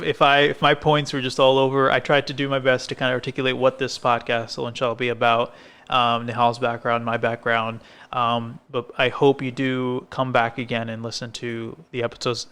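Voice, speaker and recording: A man's voice: medium pitch, a bit bright, clear, resonant tone. A man co-hosting a podcast from a coffee shop set, talking casually and rambling, with many fillers and restarts. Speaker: podcast co-host. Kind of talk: casual conversation. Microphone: filmed podcast set.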